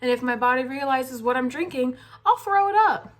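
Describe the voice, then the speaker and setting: Young female beauty vlogger, fairly high voice, casual, self-deprecating. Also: lively intonation, moderate pace. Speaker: makeup vlogger. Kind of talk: casual chat to viewers.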